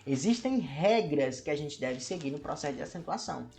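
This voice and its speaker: A man's voice: on the high side, expressive, brisk, a little mellow. Brazilian male teacher, explanatory lesson delivery with rhetorical questions, faint music bed. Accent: Brazilian Portuguese. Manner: asks many rhetorical questions and addresses viewers as "meu povo".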